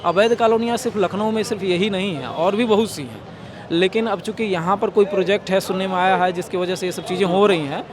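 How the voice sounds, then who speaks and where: Outdoors in a crowd, a local man with a high-pitched voice talks fast as he answers a reporter's questions in a street interview. He explains his view articulately and at length, occasionally correcting himself, while loud crowd chatter fills the background.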